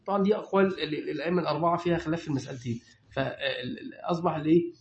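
A male religious teacher with an Egyptian accent, lecturing a class and quizzing the students with quick questions. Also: a little high, gravelly. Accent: Egyptian Arabic. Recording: echoey room, dull lo-fi sound.

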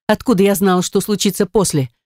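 A woman voicing a hurt, defiant young woman who hisses and shouts back, in an audiobook reading. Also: mid-range voice, fast, dry recording, studio quality, natural voice.

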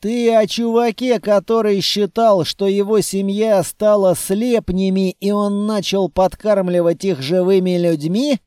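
A blunt fighter who keeps questioning his comrades, as a man reads him in an audiobook. The voice is high for a man and soft in tone. The pace is measured. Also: fairly even intonation, clear, resonant tone, dry recording, studio quality. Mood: skeptical.

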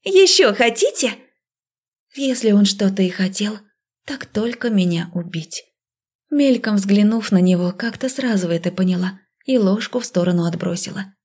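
A woman reading a first-person novel aloud with lively storytelling. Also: medium pitch, moderate pace, husky. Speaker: audiobook narrator. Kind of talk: first-person audiobook narration.

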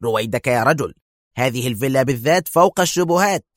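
A man's voice: mid-range voice, animated, fast, no echo, studio quality, close to an everyday voice. A man voicing a nervous, agitated male police chief.

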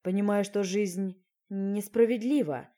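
A woman's voice: medium pitch, measured pace, mellow, close to an everyday voice. A woman playing a snappish frog man. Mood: sarcastic. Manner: snappish, sarcastic. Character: spiteful young man turned into a frog.

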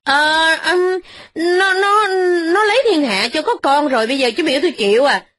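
A woman's voice: sits high, fairly bright tone, no room sound, voice pushed up. Give me a woman doing a stammering, flustered rich young man. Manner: stammering, quick and defensive.

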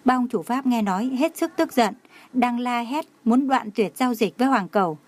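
A woman's voice: fairly high pitch, lively intonation, normal speed, no echo. A woman voicing an anxious young female assistant in an audio novel, urgent and worried.

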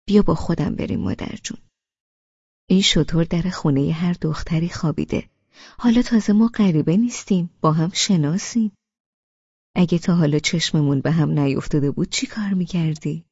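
A woman voicing an older, chatty female family friend who fusses and coaxes in a slow, raised voice. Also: on the low side, darkish tone, husky, no room sound, dull audio. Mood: coaxing. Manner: fussing, coaxing.

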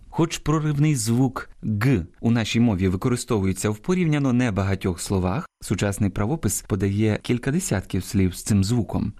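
A man hosting an educational radio program on language, explaining words in a measured way and stressing each example. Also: fairly low pitch, warm tone. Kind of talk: scripted educational radio talk.

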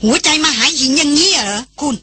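A hot-tempered young army officer lashes out in jealous bursts and pleads in turn, as a woman reader puts him on. The voice sits high and bright with a husky edge. This is a storybook reading. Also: animated, fast, full character voice. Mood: bitter. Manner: angry outbursts, then pleading.

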